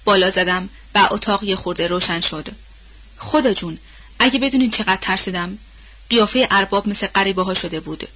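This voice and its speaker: A woman's voice: mid-range voice, sharp tone, dull audio, slight background noise, lightly acted. A woman voicing an anxious, gossipy old household nanny woman in an audiobook, talking in a rambling, colloquial way. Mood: worried. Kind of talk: audiobook role-play reading.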